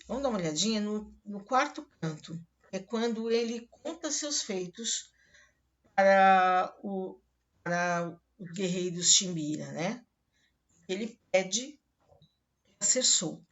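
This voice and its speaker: A woman with a Brazilian accent teaching a literature class online, explaining slowly and reading poems aloud to students. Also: medium pitch, animated. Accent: Brazilian Portuguese. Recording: dull lo-fi recording.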